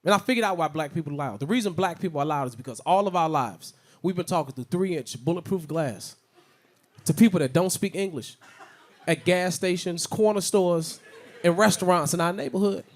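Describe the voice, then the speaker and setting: A young man from Chicago doing an animated stand-up set, slipping into shouted character voices. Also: fairly high pitch, fairly quick. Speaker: stand-up comedian.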